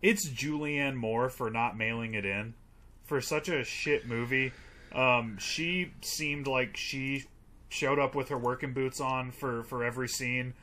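A man's voice: mid-range voice, steady tone, measured pace, sharp tone. A man co-hosting a casual movie review podcast, rambling with many fillers, swearing and laughing. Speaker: podcast co-host.

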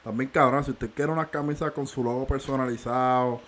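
A man's voice: mid-range voice, fairly even intonation, a little fast, a bit bright. Swearing, laughing man. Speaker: podcast co-host. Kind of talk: casual banter.

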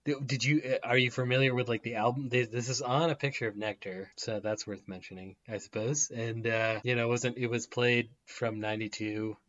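A man's voice: mid-range voice, fairly even intonation, fairly quick, few pauses, a bit bright, muffled recording. A man co-hosting a podcast in casual chat, rambling with frequent restarts and laughing often. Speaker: podcast co-host.

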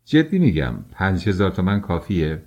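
A man's voice: deep voice, big pitch swings, darkish tone. A man voicing a cocky, scheming jailed man in an audiobook, talking brashly and commandingly. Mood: boastful.

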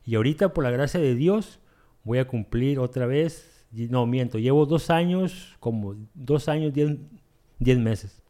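A man telling his recovery testimony, halting and repeating himself, acting out dialogue as he goes. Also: medium pitch, mellow. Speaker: guest sharing a recovery testimony. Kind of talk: emotional personal storytelling.

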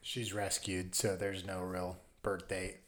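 Deep-voiced laid-back man, echoey room. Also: monotone, slow, a bit bright. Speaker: podcast guest and brand co-founder. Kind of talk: casual podcast chat.

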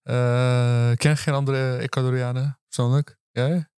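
A young man hosting campus interviews, chatting in a relaxed, rambling way with many fillers. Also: medium pitch, unhurried, clear, resonant tone, no room sound, studio quality. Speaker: host and interviewer. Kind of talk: casual chat. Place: outdoors on a university campus.

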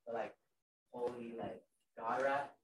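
A woman taking part in a youth group discussion, speaking casually and haltingly. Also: a bass voice, steady tone. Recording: distant, echoey room with faint noise.

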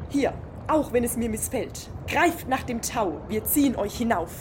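A woman's voice: fairly high pitch, animated, normal speed, very noisy, close to an everyday voice. A woman playing a principled, formal seafarer, speaking earnestly in an audio drama. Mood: reluctant.

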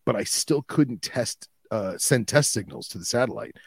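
A man's voice: mid-range voice, expressive, moderate pace, breathy edge, no echo. A man co-hosting a podcast, telling anecdotes and chatting in a teasing, colloquial way. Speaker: podcast co-host. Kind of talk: casual chat and anecdote.

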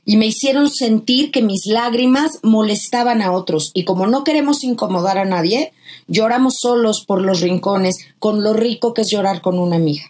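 A woman's voice: medium pitch, moderate pace, darkish tone. A woman, a guest author giving emphatic, impassioned advice about grief in conversation.

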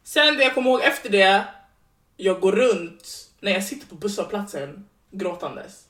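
A woman's voice: mid-range voice, animated, fairly bright tone. A young woman co-hosting a podcast, telling a story animatedly and switching between Swedish and English. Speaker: podcast co-host. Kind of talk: casual storytelling chat. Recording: roomy, distant mic.

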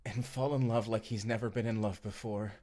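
In an immersive audio roleplay, a man plays a devoted, sweetly awkward young romantic, speaking earnestly, hesitantly, and conversationally. His natural voice is fairly low, steady, mellow, and fairly quick, with a tender, dying mood.

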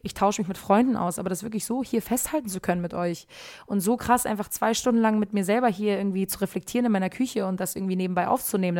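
A woman in her twenties talks quickly and freely into a podcast mic in her kitchen. Her speech is slangy and meandering, full of filler words and street slang. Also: mid-range voice, a little mellow. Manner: slangy, rambling, peppers talk with "Digga". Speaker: podcast host. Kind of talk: casual solo podcast chat. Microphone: podcast microphone.

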